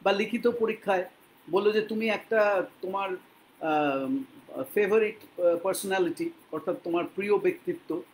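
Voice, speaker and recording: A man from Bengal teaching English to learners, speaking patiently and repeating words slowly so they can copy them. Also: high-pitched, a little hiss or hum, rough recording. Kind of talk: spoken English lesson in Bengali.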